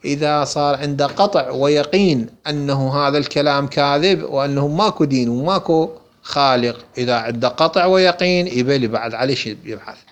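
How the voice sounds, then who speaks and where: A man's voice: on the high side, a little fast. Iraqi man teaching with rhetorical questions. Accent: Iraqi Arabic. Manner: rhetorical questions answered himself. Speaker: religious teacher. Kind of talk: lecture explaining a text.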